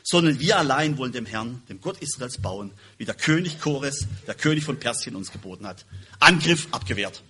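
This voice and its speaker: A man preaching a sermon and reading Bible verses aloud, stressing words loudly and then dropping quietly, often restarting words. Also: mid-range voice, lively intonation, moderate pace, husky. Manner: emphatic, swings between loud stresses and quiet drops; self-correcting, restarts words.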